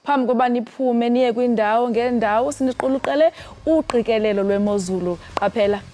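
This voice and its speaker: A woman's voice: on the high side, fairly quick, dark tone, a little hiss or hum. A South African woman, co-presenting and reading news for broadcast.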